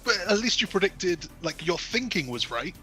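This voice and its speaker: A man co-hosting a wrestling podcast, chatting casually and laughing often in a relaxed, bantering way. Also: high-pitched, moderate pace, soft background music. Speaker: podcast co-host. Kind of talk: casual chat reviewing wrestling results.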